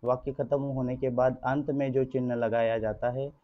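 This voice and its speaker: A man teaching an online grammar lesson to schoolchildren, his voice sitting at an ordinary middle pitch. He speaks in a patient, explanatory way, constantly asking rhetorical questions and answering them himself. The recording is dull and lo-fi. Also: flat delivery, normal speed. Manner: addresses pupils as children, patient and explanatory.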